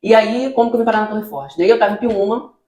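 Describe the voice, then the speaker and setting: Uma pastora brasileira contando seu testemunho num bate-papo, falando muito depressa e encenando os próprios diálogos. A voz tem altura média e soa numa sala com bastante eco. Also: female voice, mid-range voice, fast talker, echoey room, over a noisy crowd. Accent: Brazilian. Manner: lively storytelling, acting out her own dialogue with God. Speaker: pastor, children's ministry leader. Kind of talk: testimony in a church podcast interview.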